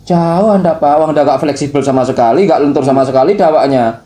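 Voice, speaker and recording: A man's voice: a little high, quick pace, warm tone, reverberant. A man hosting a reaction channel, giving chatty, mocking commentary on a played clip and teasing his co-host. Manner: mocking, chatty, addresses listener as "Bos".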